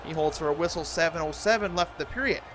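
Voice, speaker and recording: Higher-pitched man calling hockey over noise. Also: fast, a bit bright. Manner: imitating a TV sports announcer's delivery. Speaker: hockey play-by-play announcer. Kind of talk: live sports commentary over video game. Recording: noisy, game sound throughout.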